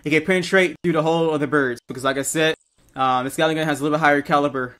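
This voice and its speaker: A man's voice: on the high side, steady tone, very fast, fairly bright tone. A man instructing trainees in a military roleplay game, directing and correcting them as he briefs. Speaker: military-sim drill instructor.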